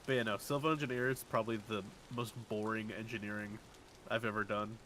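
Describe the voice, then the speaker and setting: A man talking casually while streaming a game, his voice sitting a little low. He is wry and laughs often. Steady rain can be heard clearly behind him. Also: fairly quick, background noise. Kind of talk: casual gaming chat.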